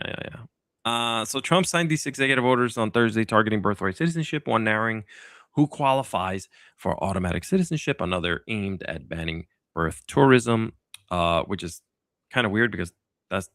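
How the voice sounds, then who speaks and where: A man with a gravelly, fairly low voice hosts a casual political podcast. He rambles a little, restarts his sentences and drops sarcastic asides. The recording is dry and close, with no room sound. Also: expressive, fairly quick, a bit bright, no echo. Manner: loose and sarcastic, with many fillers and restarts. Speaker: podcast host.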